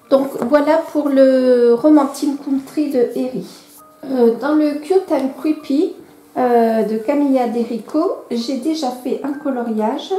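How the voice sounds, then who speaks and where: Chatty high-voiced woman, echoey room. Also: warm tone. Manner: chatty, hesitant, frequent fillers and self-corrections. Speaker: coloring vlogger. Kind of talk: casual show-and-tell vlog. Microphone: camera microphone she moves around. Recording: echoey room with faint background music.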